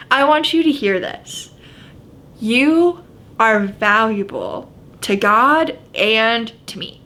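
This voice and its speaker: An upbeat woman youth pastor speaks in a fairly high voice. She teaches conversationally, with casual, youthful phrasing. Her delivery is earnest and encouraging, like a talk to a youth group. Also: fairly bright tone.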